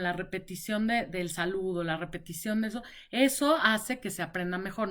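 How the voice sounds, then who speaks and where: A woman's voice: mid-range voice, fairly bright tone. Woman, live-stream talk, conversational, repetitive, checks in often. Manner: conversational, repeats words and checks in with "ok". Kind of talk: informal live-stream explanation. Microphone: device mic on a live stream.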